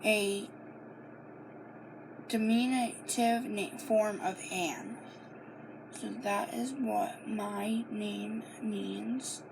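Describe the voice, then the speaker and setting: A young woman from Maine vlogs a casual Q and A monologue, reading the questions aloud in a medium-pitched, gravelly voice with fairly even intonation. She speaks haltingly, with frequent fillers and restarts, over a noisy home recording.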